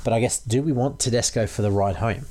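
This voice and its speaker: A man's voice: mid-range voice, brisk, dark tone, slight background noise. A man co-hosting a casual fantasy sports podcast, giving his analysis in a conversational, tentative way. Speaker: podcast co-host.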